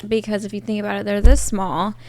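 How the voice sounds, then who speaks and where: A woman's voice: mid-range voice, little pitch movement, quick pace, a little mellow, dry recording. A young woman co-hosting a podcast in casual chat, rambling off on tangents and laughing a lot. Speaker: podcast co-host.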